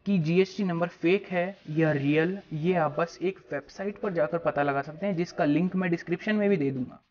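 A man's voice: a little high, dull audio, slight background noise. A young man from India hosting his own channel, explaining a topic straight to camera in an instructive way, recorded on a clip-on mic in a small room. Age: young adult. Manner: instructive, addresses viewers as friends. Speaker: YouTube channel host. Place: small room before a plain backdrop. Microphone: small clip-on mic on shirt.

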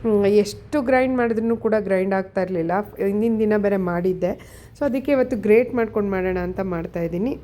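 A woman's voice: mid-range voice, mellow, a little hiss or hum. A woman vlogger, chatting through a casual voice-over about her day. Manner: chatty, quick, explaining daily routine.

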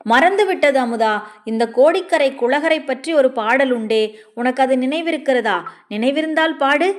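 A woman voicing a spirited, quick-tempered young woman who speaks sharply and playfully. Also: high-pitched, natural voice. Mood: anxious. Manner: sharp and lively, raising her voice.

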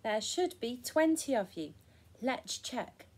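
A woman voicing a brisk male schoolteacher giving a class of children instructions, in a storybook reading. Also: on the high side, very animated, slightly rough, pitched above the performer's own voice, full character voice.

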